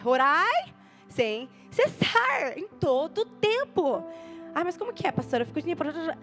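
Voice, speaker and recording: A woman pastor from Brazil preaching an earnest sermon, repeating lines for emphasis and acting out prayers. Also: very high-pitched.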